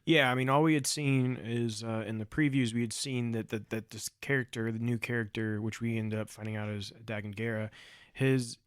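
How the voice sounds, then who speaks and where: A man co-hosting a podcast in casual chat, explaining background details at a steady pace with some fillers. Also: medium pitch, moderate pace, clean tone, dry recording, clean studio sound. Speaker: podcast co-host.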